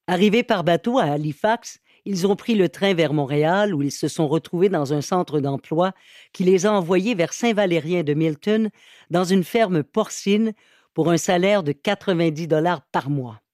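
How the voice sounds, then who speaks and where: A man reading an audiobook excerpt in a measured, even narration. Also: sits high, no room sound, clean studio sound. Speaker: audiobook reader. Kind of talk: scripted narration.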